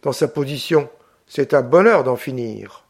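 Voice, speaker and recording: A man's voice: mid-range voice, lively intonation, measured pace, breathy edge. A man reading a cold, ironic young woman. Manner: ironic, composed, icy.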